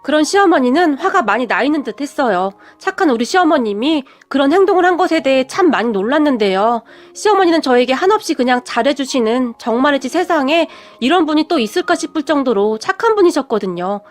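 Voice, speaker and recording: A woman telling a first-person radio story as scripted narration, in a steady retelling manner. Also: high voice, a little fast, few pauses.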